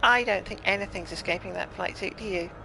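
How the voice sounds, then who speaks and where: A woman's voice: mid-range voice, a little fast, gravelly, pushed and bright, poor audio. A woman live-streaming a space game, chatting casually with dry, mock-formal humour. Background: game music.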